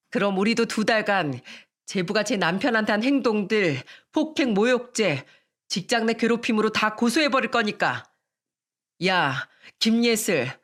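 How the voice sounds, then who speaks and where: A furious older sister, as the woman narrator plays herself, blunt and scolding with a forceful edge. She dresses people down in harsh, informal speech. It is a storytelling radio performance. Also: mid-range voice, lightly acted.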